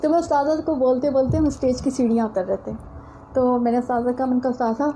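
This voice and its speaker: A high, mellow-toned woman gives a religious lecture. She tells stories from her own life in an earnest way and keeps turning to her audience as she speaks. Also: steady tone, a little hiss or hum, rough recording. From Pakistan. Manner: earnest, storytelling, addresses listeners directly. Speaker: religious teacher. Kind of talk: religious lecture with personal anecdote.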